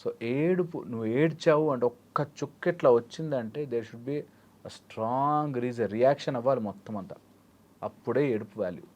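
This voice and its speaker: A man's voice: medium pitch, moderate pace, darkish tone. A man speaking as a life coach in an interview, explaining through everyday examples and mixing in English phrases. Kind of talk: interview answers.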